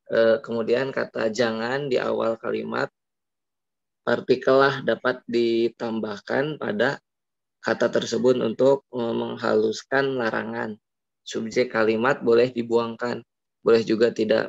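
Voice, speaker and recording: A man's voice: mid-range voice, vocal fry. A young man giving a class presentation on grammar, hesitant, with many fillers and restarts. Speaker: student presenter. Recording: dull lo-fi audio.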